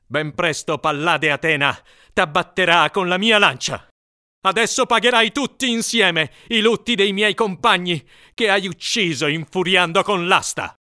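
A man voicing a wrathful Greek hero, speaking with forceful scorn in an epic reading. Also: high-pitched, unhurried, full character voice. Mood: furious.

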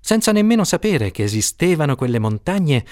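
A man narrating an audiobook in a steady, expressive reading voice. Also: fairly high pitch, fairly quick, no room sound, clean studio sound.

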